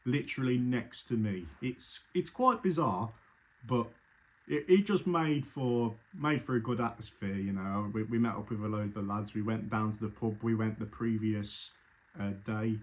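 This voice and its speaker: Fan testimony: man, lower voice, casual and rambling. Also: moderate pace. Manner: chatty, rambling, with frequent restarts. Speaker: football fan telling his story. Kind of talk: casual spoken recollection.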